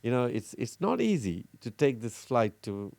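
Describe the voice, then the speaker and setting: A middle-aged man from Fiji, a cardiologist, talking earnestly in an interview with many pauses and restarts. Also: mid-range voice, big pitch swings, vocal fry, darkish tone, no echo. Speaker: cardiologist guest. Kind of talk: casual interview talk.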